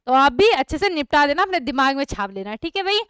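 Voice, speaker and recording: A young woman's high voice swings widely in pitch as she talks fast, slightly bright, with no room sound. Leading an online chemistry class, she frequently repeats questions to students and checks with "thik hai" that they're following along.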